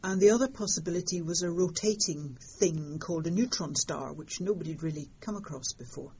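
An older woman talks through a discovery in a relaxed interview, wry and vivid. Her voice sits low and sounds husky. The recording is somewhat dull and lo-fi. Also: fairly quick. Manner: lively storytelling, fond of understatement. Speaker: interviewed astronomer. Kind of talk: conversational interview.

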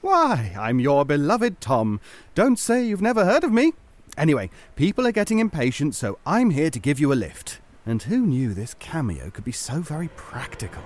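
A man's voice: on the high side, sing-song, normal speed, no room sound. A man playing a jolly, boastful woodland eccentric with a hearty, sing-song delivery in an amateur comic pantomime.

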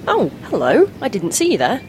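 A woman playing Meg, an earnest, curious young astronomer in a panto story, with a breathy voice. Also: on the high side, huge pitch swings, normal speed, background noise. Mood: plain. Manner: wide-eyed, exclaiming, curious.

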